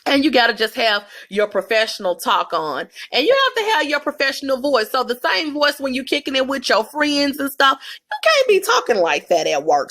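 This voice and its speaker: A woman's voice: a little high, pushed and bright. A woman with a Southern US accent, giving candid, emphatic career advice straight to camera in a casual vlog.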